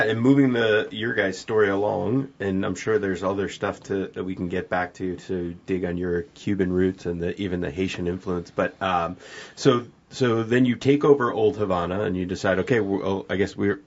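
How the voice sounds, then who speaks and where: A man's voice: low voice, steady tone, moderate pace. A man hosting a podcast, chatty and casual, prompting his guests with questions. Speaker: podcast host. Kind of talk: casual interview talk. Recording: dull lo-fi podcast audio.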